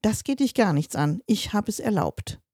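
A woman's voice: mid-range voice, sing-song, moderate pace, dark tone, husky, no room sound, studio quality. A woman reading a story aloud, voicing a stern, exasperated mother scolding her children.

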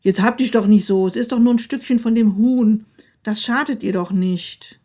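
A woman voicing a coarse, loud husband in a read-aloud story, talking in a shouting, scornful way. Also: mid-range voice, animated, quick pace, lightly acted. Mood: grumbling.

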